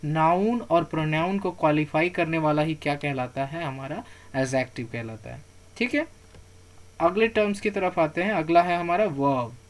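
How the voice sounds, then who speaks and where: A man with a fairly high-pitched voice teaches grammar terms from slides. He slowly repeats key words so learners can pronounce them, answers his own questions, and tells them not to worry.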